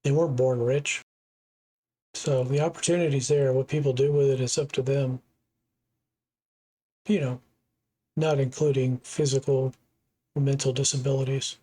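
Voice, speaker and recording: A man's voice: mid-range voice, fairly even intonation, moderate pace, long pauses, mellow. A middle-aged man from the United States hosting a reaction channel, making his points in a casual, earnest way and repeating them for emphasis.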